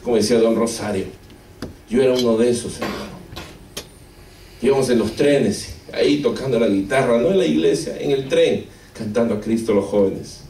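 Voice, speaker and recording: An Argentine man preaching a sermon gives an emotional testimony in a gravelly, dark voice of medium pitch at a moderate pace. He has an Argentine Spanish accent, frequently calls listeners "brother," and asks rhetorical questions of the audience. The mic sits far off in an echoey room, with a little hiss or hum.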